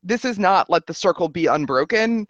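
A man co-hosting a casual chat podcast, joking and expressive. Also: sits high, normal speed, dry recording. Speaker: podcast co-host. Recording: dry, slightly dull lo-fi recording.

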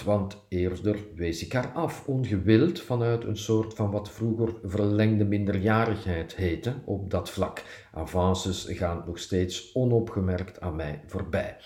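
A man's voice: low voice, mellow, echoey room. A man reading his personal column aloud, with a dry, self-mocking irony.

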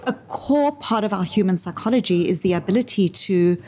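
A woman with a South African accent, answering interview questions in a measured, articulate way and using everyday examples to make her points. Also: mid-range voice, expressive, mellow. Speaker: interview guest explaining her framework.

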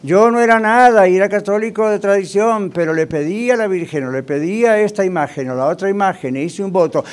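Preaching in a conversational style, a pastor frequently asks his congregation rhetorical questions. His voice sits high and has a darkish tone.

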